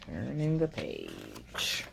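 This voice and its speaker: At bedtime, a woman reads a children's picture book aloud with expression, slipping in quiet murmured asides. Her voice is a rumbling low, husky and creaky, and she reads very slowly.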